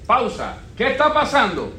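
A man's voice: very high voice, wildly swooping pitch, normal speed, bright, forceful tone, slight background noise. A man preaching a sermon, quizzing his congregation with questions and repeating phrases. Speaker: pastor. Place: church sanctuary. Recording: echoey church room.

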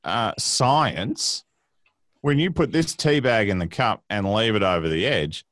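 Australian man, Queensland accent, low pitch, close dry sound, droll casual chat. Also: expressive, unhurried, fairly bright tone, dry recording. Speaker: guest.

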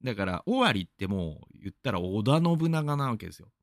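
A man's voice: lowish voice, sing-song, a little fast, no room sound, studio quality. A man from Aichi in Japan hosting a radio show, rambling through a casual monologue full of fillers and asides.

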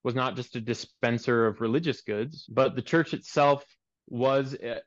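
Earnest young pastor on a dull, dry line. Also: male voice, medium pitch, moderate pace, no room sound. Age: 20s. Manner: earnest, preacherly. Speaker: pastor and guest. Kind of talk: podcast interview.

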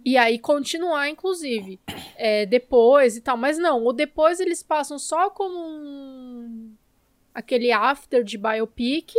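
High-pitched Brazilian woman, informal and opinionated. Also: takes it slowly, dry recording, studio quality. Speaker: podcast co-host. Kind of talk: casual film discussion.

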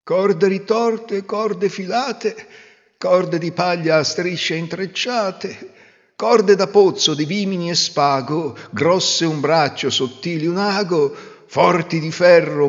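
A man voicing a village rope maker who recites a slow, sing-song rhyme. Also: sits high, voice pushed up. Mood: proud. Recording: roomy reverb, dull lo-fi sound.

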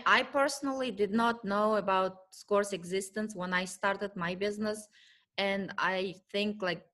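A woman hosts a business talk show, interviewing her guest in a friendly, affirming manner. Her voice has an ordinary pitch for a woman. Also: fairly bright tone.

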